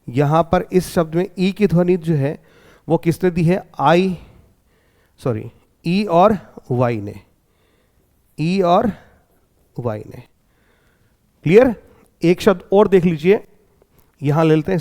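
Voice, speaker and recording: An Indian man teaching an exam-prep English lesson, explaining step by step and often asking whether it is clear. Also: high voice, darkish tone. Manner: explains step by step, checks in with 'clear?'.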